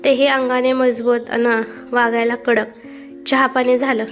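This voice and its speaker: A woman's voice: on the high side, level tone, unhurried, soft background music. A woman narrating a family story and voicing the characters' dialogue herself.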